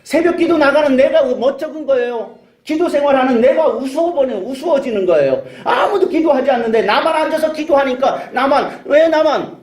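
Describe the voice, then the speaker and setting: Brisk and lively in intonation, this male pastor's very high, slightly mellow voice fills an echoing church sanctuary. He preaches emphatically, leaning on rhetorical questions and calls of hallelujah.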